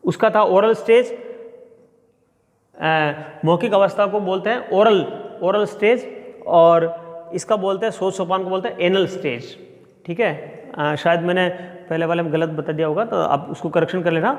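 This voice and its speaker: A man's voice: sits high, moderate pace. A middle-aged male sociology professor giving a classroom lecture and explaining step by step with everyday examples. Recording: long reverb.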